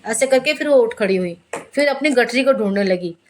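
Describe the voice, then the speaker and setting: A woman's voice: a little high, fairly quick, slight background noise. A woman telling a spooky first-person story, acting out the voices of the people in it. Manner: lively retelling with voiced quotes.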